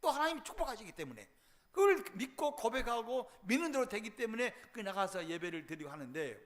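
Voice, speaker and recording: A middle-aged man preaching a revival sermon, telling a Bible story dramatically and swinging between loud outbursts and hushed passages. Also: sits high, very animated, a little fast. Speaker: pastor.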